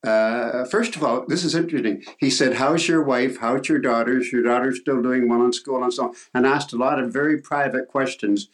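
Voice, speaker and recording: An older Canadian man, a guest on an interview show, telling a story in a halting way with repeated words. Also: mid-range voice, fairly even intonation. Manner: halting, repeats words, acts out quoted voices.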